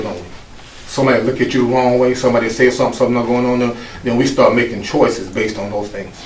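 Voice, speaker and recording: A man in his fifties from the United States, a guest speaker telling his life story in an animated way, laughing and acting out voices. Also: mid-range voice, slight background noise. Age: 50s. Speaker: guest speaker, former pro football player. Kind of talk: personal life story told to an audience. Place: office room. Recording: echoey room, distant mic, faint ambience.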